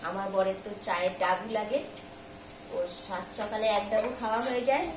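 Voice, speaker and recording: A middle-aged woman chats in a rambling, hurried way in a casual home cooking vlog, filmed in her kitchen by her husband. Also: mid-range voice. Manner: chatty and rambling, admits she talks hurriedly and mixes up words. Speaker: vlogger. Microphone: camera held by her husband at some distance. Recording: roomy, distant and noisy home recording.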